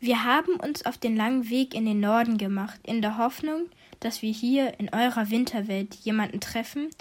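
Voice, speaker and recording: Three hopeful fox siblings talking as one in a storybook, as a woman reads them. They sound earnest and pleading, voices a touch high and bright with hope. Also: normal speed, lightly acted.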